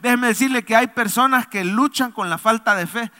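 A male pastor preaching a sermon, leading the congregation to answer him aloud and swinging between loud emphatic lines and soft low asides. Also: brisk. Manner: preaching with call-and-response to the congregation. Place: church sanctuary. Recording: long reverb of a large hall.

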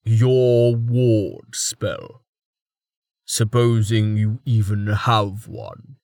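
A man voicing a deep-voiced, threatening big man who speaks in a slow, menacing way. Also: vocal fry, darkish tone, no echo, studio quality, full character voice.

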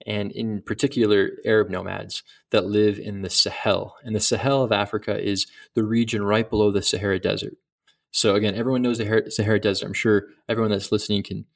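A middle-aged man with a lowish, gravelly voice speaks as a missionary guest in a casual interview. He sounds earnest and reflective, and he often restarts his sentences.

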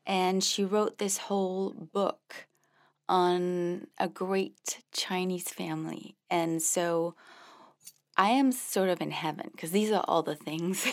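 A woman hosting a real estate podcast, gushing and excitable, quick to laugh. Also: medium pitch. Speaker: podcast host. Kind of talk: casual podcast interview.

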